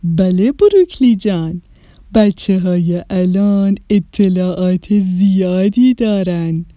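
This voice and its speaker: A woman voicing an ancient, kind vinegar in a storybook, soothing and gentle. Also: mid-range voice, no echo, studio quality, natural voice. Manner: warm, soothing, slow.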